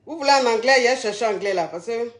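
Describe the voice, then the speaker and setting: A woman's voice: on the high side, lively intonation, quick pace, reverberant. A woman hosting a casual live stream, chatting to her viewers and repeating her questions to them. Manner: chatty, keeps asking viewers the same question.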